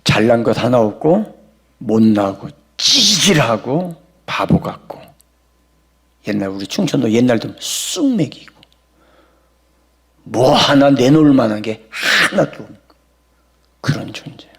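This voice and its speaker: Male pastor, impassioned sermon, gravelly voice, lively pitch. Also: unhurried. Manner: impassioned, swings from shouting to whispers.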